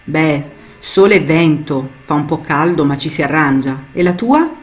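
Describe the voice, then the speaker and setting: A woman voicing a small, young female sand dune in a storybook tale, speaking softly and wistfully. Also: deep voice, moderate pace, lightly acted.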